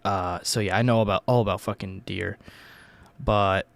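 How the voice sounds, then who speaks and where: A young American man with a fairly low voice, recorded dry and close. He is hungover and talks like a casual vlogger, rambling through a personal story with plenty of swearing. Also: fairly even intonation, moderate pace, gravelly, dry recording. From Virginia, United States. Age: young adult. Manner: rambling, profanity-laden, informal. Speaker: YouTube host telling life stories.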